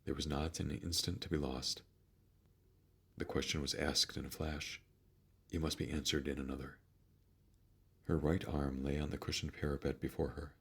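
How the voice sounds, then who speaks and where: A man narrates a classic tale in an extremely deep, firm voice with a heavy gravelly creak. His delivery is measured and soothing, with a husky edge to the tone. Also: flat delivery, fairly bright tone.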